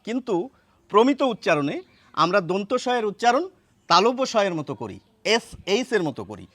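A man's voice: high-pitched, wildly swooping pitch, a little fast, fairly bright tone, no room sound. A man giving a pronunciation lesson, explaining step by step and repeating words to demonstrate them. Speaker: language teacher.

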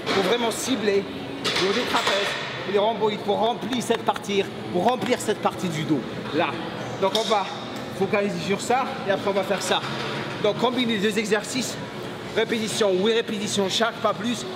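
Middle-aged man, fitness coach, energetic gym talk, high voice, loud clattering gym noise. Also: normal speed. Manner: energetic, pushes with repeated "come on". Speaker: bodybuilding coach and channel host. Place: large busy indoor gym.

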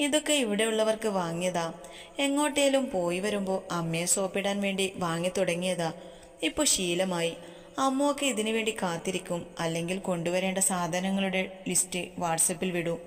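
A playful young husband who teases and dotes on his wife, lines pitched a little above the reader's usual voice, as a woman reads him out. It is an audio storybook with a long hall reverb around the voice. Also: moderate pace, close to an everyday voice. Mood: chatty. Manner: teasing, affectionate. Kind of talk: storybook reading.

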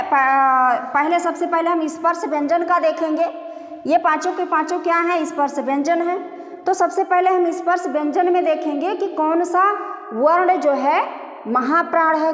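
Brief: middle-aged woman teacher, very high voice, repetitive classroom questioning, roomy reverb. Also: a bit bright. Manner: repetitive, asks and answers own questions; drawn-out demonstration vowel sounds. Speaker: Hindi grammar teacher. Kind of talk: classroom-style lesson. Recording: echoey room reverb.

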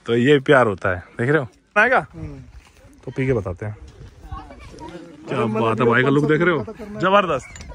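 A man's voice: mid-range voice, moderate pace, pauses often. A man vlogging outdoors at a hilltop fort, joking and chatting with passersby. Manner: excitable, joking, calls out to strangers. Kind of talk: casual vlog chat with passersby.

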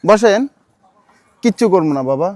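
A man with a Bangladeshi Bengali accent gently coaxing someone on the street, repeating his requests patiently. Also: high-pitched, animated, normal speed. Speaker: street outreach volunteer. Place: outdoors on a city street.

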